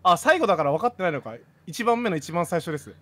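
A man's voice: sits high, animated, fast talker, no echo. A man discussing an online game casually with friends over voice chat.

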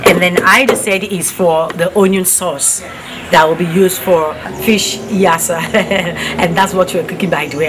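A woman's voice: on the low side, heavy background noise. A young woman hosting a travel show, chatting casually in an outdoor courtyard and laughing often. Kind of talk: casual on-location chat.

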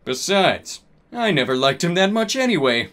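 A man's voice: a little high, sing-song, normal speed, a bit bright, pitched above the performer's own voice. A man doing a sneering old wizard headmaster. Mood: mean, scornful. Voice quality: snappish, sneering. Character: cranky spiteful old male wizard headmaster. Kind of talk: comedic dramatic reading.

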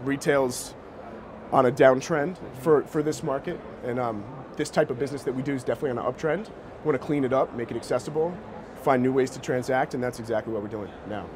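This American man in his thirties, a company co-founder, speaks quickly in a mid-range voice. He answers interview questions casually and with slang inside a sneaker shop showroom, where background noise is clearly audible.

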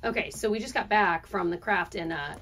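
A woman's voice: on the low side, a little fast. A young woman, a mother, talking casually for a cruise vlog, bubbly and giggly and gushing. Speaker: vlogger, mother. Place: cruise ship.

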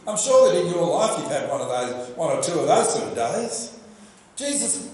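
An older Australian man preaching a sermon at a church lectern, telling the story in a lively way and asking the congregation questions. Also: fairly high pitch, normal speed, a little hiss or hum. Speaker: pastor. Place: church hall with projection screen. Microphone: lectern microphone. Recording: very echoey church room.

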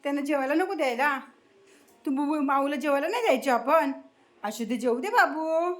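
A woman's voice: sits high, normal speed. A woman at home feeding her cat and dog, coaxing and scolding them in cooing baby talk, then greeting her viewers. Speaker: vlogger feeding her pets. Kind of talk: casual home vlog.

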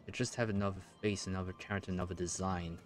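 A man's voice: sits low, fairly even intonation, fast talker, faint music behind. A man in his thirties giving casual, hesitant, musing commentary as he plays a video game. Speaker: gaming streamer.

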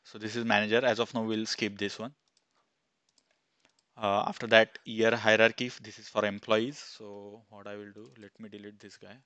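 Low-voiced guy on a headset walking through a tutorial, pretty monotone, dry sound. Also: moderate pace, clear, resonant tone, no room sound, highs cut off. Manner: plain step-by-step, thinking aloud with fillers. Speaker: instructor. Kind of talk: screen-recorded software tutorial. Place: small room indoors.

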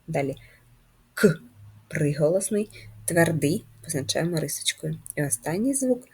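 Patient, husky-voiced woman teaching first graders. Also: sits low, a little mellow. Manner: patient, clear, step-by-step instruction to children. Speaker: primary school teacher. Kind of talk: handwriting lesson for first graders.

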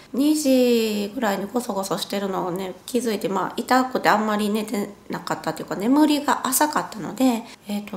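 A high, lively woman, chatting to camera at home. Her voice swings up and down as she goes. She sounds a little stiff and strained after nose surgery, and she often corrects herself mid-sentence. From Japan. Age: 40s. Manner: chatty, self-correcting, talks while wincing in pain. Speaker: vlogger. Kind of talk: casual vlog narration. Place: at home, indoors.

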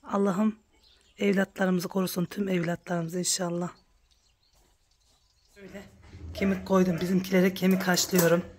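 A woman vlogging about her village life, chatting warmly with her viewers and calling out to her animals in a high coaxing voice outdoors. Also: flat delivery, normal speed, pauses often. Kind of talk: casual vlog narration to viewers. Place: outdoors at a village farmyard and garden.

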